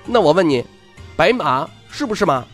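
Guy putting on a high chirpy little girl, blunt and bossy, lively all over, storybook. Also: moderate pace, soft background music. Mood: challenging. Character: naive bold little girl, self-styled heroine.

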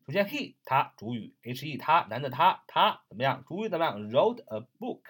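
Lively, husky-voiced male vocabulary teacher. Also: fairly high pitch. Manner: spells words out slowly letter by letter, repeats words often; explains in a chatty, friendly way. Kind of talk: recorded vocabulary lesson.

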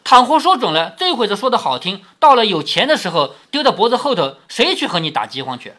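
A proud, shrewd young noblewoman teases in a sharp tone, as a male storyteller reads her part. The delivery swings widely in pitch. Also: sing-song, fast, full character voice. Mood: teasing. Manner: teasing, sharp. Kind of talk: storytelling reading.

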